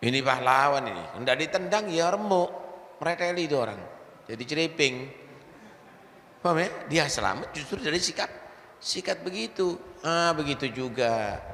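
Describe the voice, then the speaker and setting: A man's voice: a little high, moderate pace, pauses often, slight background noise. A man preaching a sermon, often checking with listeners whether they understand. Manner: animated preaching, mixes in Javanese words, asks "paham ya?". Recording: echoey hall with faint ambience.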